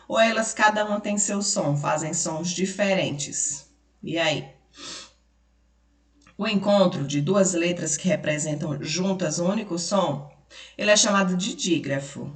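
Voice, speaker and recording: A Brazilian woman teaches children at a patient pace, spelling out letters and checking in with questions. Her voice sits on the low side. The sound is echoey and a little distant, as if the mic is set back in the room. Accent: Brazilian Portuguese. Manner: patient, explains slowly, spells out letters, asks pupils questions. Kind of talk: remote school lesson for children.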